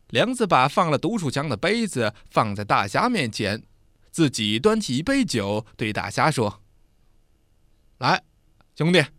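A man narrating a dramatic story in an expressive, animated way. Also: medium pitch, no echo, clean studio sound.

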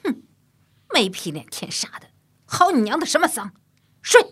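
A woman voicing a quick-tempered young widowed mother in a storybook, scolding in a shrill, lively voice. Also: heavily acted. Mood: indignant. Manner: scolding, shrill when angry.

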